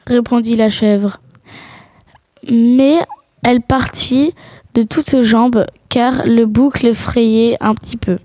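A woman's voice: a little high, fairly even intonation, slow, warm tone. A woman telling a children's animal tale as a storybook narrator.

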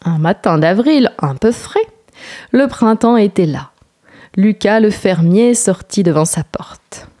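A woman reads a children's story aloud with an expressive, lilting delivery. Her voice is warm and mellow, at a middle pitch. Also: measured pace.

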